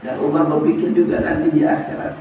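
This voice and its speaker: A man preaching at a religious study gathering, telling stories in an animated way and joking with the audience. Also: fairly high pitch, fast, narrow, tinny audio. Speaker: preacher teaching a religious text. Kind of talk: storytelling sermon at a study gathering. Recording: echoey hall, mic far off, ambient noise.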